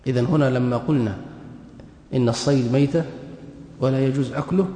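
A man's voice: medium pitch, fast, mellow. A man giving a religious lesson on Islamic law, reading a passage and then explaining it, posing questions and answering them himself. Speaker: teacher of Islamic jurisprudence. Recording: echoey hall with long reverb.

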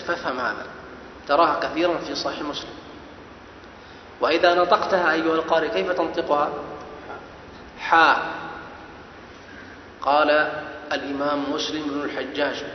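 Male lecturer, classroom teaching, slightly high voice, step-by-step explanations with questions to the class, lo-fi hall recording. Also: gravelly, a little hiss or hum. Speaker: teacher of hadith studies. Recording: echoey hall, dull lo-fi sound.

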